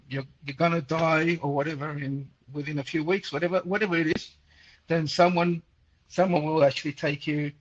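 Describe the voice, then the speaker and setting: 60s guy from chile hosting a call-in, kinda high voice, lots of ums, muffled lo-fi sound. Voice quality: nearly deaf. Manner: rambling, repeats words, frequent fillers. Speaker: host answering listener questions. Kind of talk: casual call-in chat.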